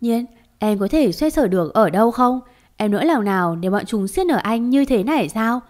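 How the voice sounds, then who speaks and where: A woman's voice: on the high side, expressive, normal speed, darkish tone, natural voice. Woman voicing a weak pleading young husband. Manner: pleading, defensive.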